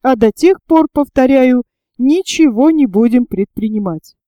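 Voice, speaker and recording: Woman voicing calm steady engineer man. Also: sits high, dry recording, dull audio. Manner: measured, reassuring. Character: calm, thoughtful male engineer, middle-aged leader.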